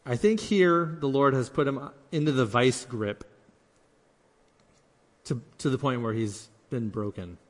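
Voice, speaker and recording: A man's voice: mid-range voice, long reverb tail. A man preaching a sermon in an earnest way, acting out the lines he quotes and often restarting his words. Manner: earnest, acts out quoted speech, many restarts.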